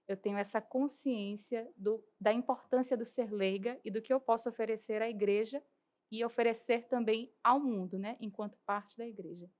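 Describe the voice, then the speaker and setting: A young woman from Bahia with a Bahian accent, a podcast interview guest who explains church matters earnestly and articulately, often adding tag questions. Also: mid-range voice. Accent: Bahian Portuguese. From Bahia, Brazil. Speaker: guest, lay church worker and lawyer.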